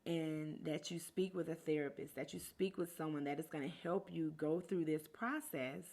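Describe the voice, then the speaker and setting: A woman's voice: low-pitched, normal speed, a little mellow. A woman hosting a podcast, speaking in an earnest, encouraging monologue rooted in faith, often repeating words for emphasis. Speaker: podcast host.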